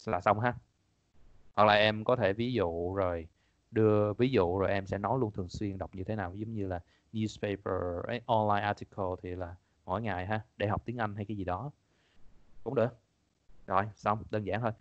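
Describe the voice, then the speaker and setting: Chatty male teacher with a low voice, online class on dull lo-fi audio. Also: no room sound. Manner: casual, chatty, repeats points, laughs often. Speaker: English teacher. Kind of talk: online exam-prep class.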